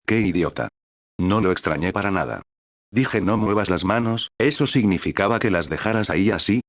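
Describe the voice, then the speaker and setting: A male reader voicing a stubborn, teasing young woman who runs a guild tavern, in an even synthetic read. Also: low-pitched, moderate pace, dry recording, studio quality.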